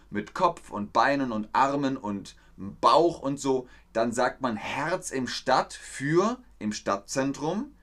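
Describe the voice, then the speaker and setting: A man teaching a livestreamed German lesson, explaining words slowly and reading out viewer comments. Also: medium pitch, fairly bright tone.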